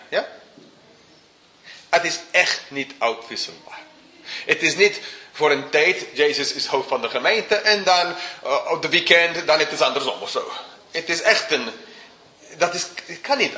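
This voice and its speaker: A male preacher with a bright, slightly high voice, talking informally and chuckling between points. His sermon rings in a roomy hall over a faint hum.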